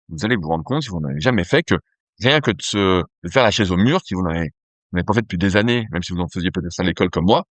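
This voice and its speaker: A man walks through strength training as a podcast host, explaining with casual examples and frequent fillers. His voice sits a bit low and the sound is dry and close, with no room around it. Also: fairly bright tone, no echo. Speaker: podcast host, nutrition company cofounder.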